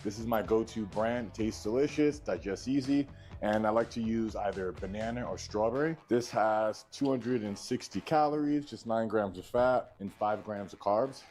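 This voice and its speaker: A man's voice: lowish voice, normal speed, darkish tone, faint music behind. A man narrating a bodybuilding vlog in a matter-of-fact way, with his audio heard in the left ear only. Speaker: bodybuilding vlogger. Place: played from a video inside a livestream.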